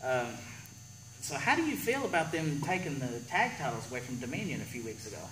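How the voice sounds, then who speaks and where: A man's voice: mid-range voice, big pitch swings, brisk, fairly bright tone. A man hosting a wrestling promo show, running through matches and interviewing as he goes. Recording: echoey room with faint background noise.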